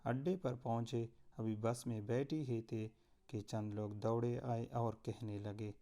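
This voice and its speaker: A man narrating a devotional story in a solemn, measured way. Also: medium pitch, steady tone, warm tone.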